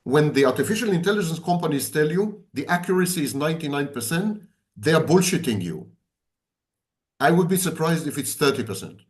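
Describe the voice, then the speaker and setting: A man's voice: on the high side, animated, a little fast. A man, speaking as a psychology expert in an emphatic, repetitive, sardonic conversational lecture. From Israel.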